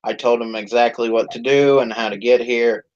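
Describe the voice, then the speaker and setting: A man chats on a live stream in a loose, rambling way, full of swearing and "uh"s. His voice sits at an ordinary middle pitch. The audio sounds dull and lo-fi. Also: steady tone, normal speed. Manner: rambling, heavy swearing, many fillers. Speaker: YouTube channel host. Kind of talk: casual live-stream chat.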